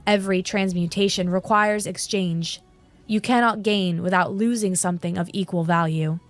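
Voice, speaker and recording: A woman narrating a fantasy story in a steady, measured, scripted style. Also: medium pitch, soft background music.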